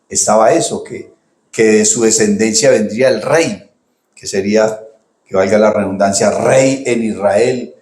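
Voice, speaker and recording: A man with a Colombian accent preaching a sermon as a pastor. He talks conversationally, calls listeners "hermano", asks "¿cierto?" to check they follow, and jumps high and loud when he acts out quoted cries. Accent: Colombian Spanish. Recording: roomy, echoey sound.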